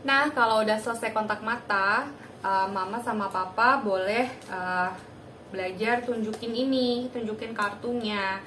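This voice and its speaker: A young woman talks in a relaxed, chatty manner, full of small fillers, as she hosts a parenting channel. Her voice sits at a middle pitch. The recording has a noticeable room echo and a faint background hum. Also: unhurried. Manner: chatty, many fillers, breaks into high sing-song child-directed demos. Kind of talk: casual tutorial talk. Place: home room.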